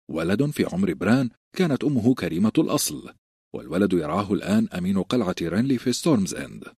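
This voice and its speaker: A man narrating an audiobook in a measured storytelling manner, close to the mic. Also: low-pitched, darkish tone, breathy edge, no room sound. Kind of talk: scripted narration.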